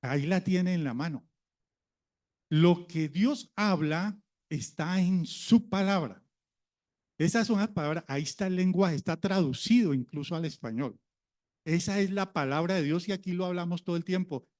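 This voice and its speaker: A man's voice: high-pitched, moderate pace, a little mellow. A man preaching a sermon, a pastor who talks in a conversational way and keeps asking the congregation questions.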